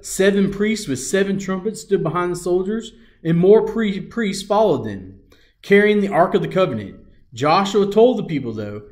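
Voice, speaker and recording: Earnest man teaching a kids' Bible lesson. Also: a little high. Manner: earnest, halting, with fillers and restarts; repeats "Lord" through his prayer. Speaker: children's ministry teacher. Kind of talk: Bible story lesson and prayer.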